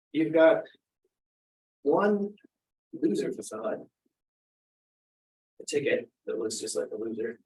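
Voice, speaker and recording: A man's voice: fairly high pitch, darkish tone, rough recording. A man giving a philosophy talk and answering questions, thinking aloud with frequent restarts. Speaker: speaker. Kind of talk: academic talk and Q&A.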